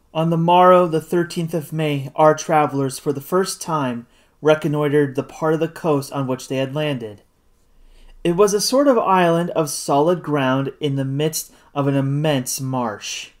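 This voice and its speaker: A narrator reading a classic novel aloud in an expressive style. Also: mid-range voice, measured pace. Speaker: audiobook narrator. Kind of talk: scripted audiobook narration.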